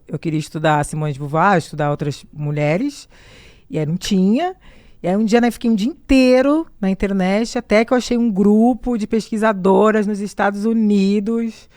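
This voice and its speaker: A Brazilian woman with a Brazilian Portuguese accent, a podcast guest telling a personal story in lively detail and acting out what she said back then. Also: medium pitch, no echo, clean studio sound. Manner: animated, acts out her own past words in quotes.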